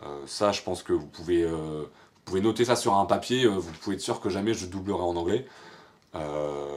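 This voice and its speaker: A young man from France answering viewer questions in a casual, rambling way, full of fillers and slang. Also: deep voice. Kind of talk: casual FAQ monologue.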